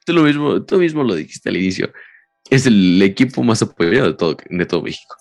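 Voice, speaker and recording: A teenage boy with a Mexican Spanish accent, co-hosting a podcast in casual, argumentative banter, swearing a lot as his voice jumps high when heated. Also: animated, a little fast, gravelly, a little mellow, no echo, faint music behind. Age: teens. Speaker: podcast co-host.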